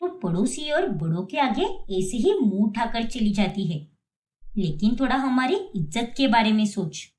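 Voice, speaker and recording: Cartoon mother-in-law, stern and lecturing, pitched low and swinging, as a woman voices her. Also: sing-song, normal speed, a little mellow. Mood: scolding. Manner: scolding, lecturing. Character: strict wealthy middle-aged mother-in-law, tradition-proud.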